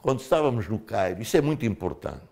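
An older man from Mozambique, a former liberation fighter, telling his story in a studio interview with animated delivery and frequent casual fillers. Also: fairly low pitch, quick pace, vocal fry.

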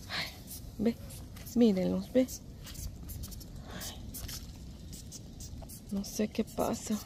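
A Salvadoran woman with a medium-pitched, dark voice and vocal fry films a phone vlog while walking outdoors. Speaking Salvadoran Spanish in an anxious, tender way, she keeps sighing "ay" and saying "pobrecito." The outdoor phone audio has noticeable background noise.

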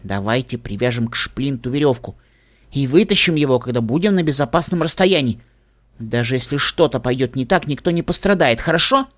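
A man's voice: on the high side, sing-song, a little fast, few pauses, sharp tone, breathy edge, heavily acted. A man voicing a cautious, worried young colt in an audiobook, anxious and pleading. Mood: alarmed.

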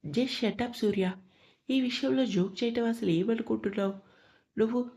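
Woman as upset young woman, agitated, pleading, mellow tone, audio story. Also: a little high, normal speed, lightly acted. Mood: angry. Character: grieving, angry young woman.

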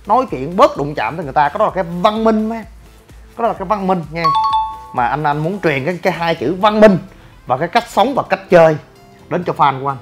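A man's voice: high-pitched, expressive, quick pace, soft background music. A young man, talking bluntly and brashly in a rambling livestream monologue. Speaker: gym owner and online personality.

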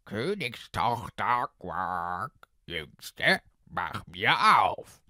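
A croaking male frog from a fairy tale, voiced by a man reading aloud. He pleads slowly, his bright voice swinging up and down, every few words broken by a croak. The sound is dry and close. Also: fairly low pitch, very animated, dry recording, full character voice. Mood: insistent. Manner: slow, drawn-out croaking "quak" between words. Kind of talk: storybook narration.

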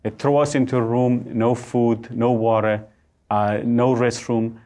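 A man's voice: medium pitch, flat delivery, measured pace, dark tone. A man in his thirties from Iran, with a Persian accent, speaking earnestly as a studio guest with many hesitations. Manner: earnest, with frequent "uh" fillers. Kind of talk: interview testimony. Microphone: lapel mic.

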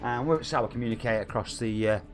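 A man's voice: medium pitch, fast, soft background music. A man in his forties with a Nottingham accent, chatting casually on a live stream and reading viewer comments aloud in a cheeky way. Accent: Nottingham English. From England. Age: 40s.

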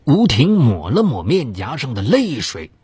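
A man's voice: huge pitch swings, measured pace, warm tone, slightly rough, no echo. A man narrating a dramatized true-crime story in a theatrical, suspenseful way. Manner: theatrical, swings of pitch for suspense.

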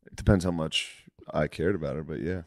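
A man's voice: rumbling low, fairly quick, dry recording, studio quality. A man co-hosting a podcast, bantering with crude jokes in casual chat. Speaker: podcast co-host. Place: living room studio with couches.

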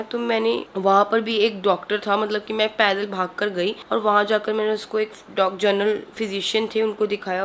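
A woman's voice: medium pitch, slight background noise. A young adult woman, a mother and vlogger, chatting casually and directly to her viewers in a family vlog.

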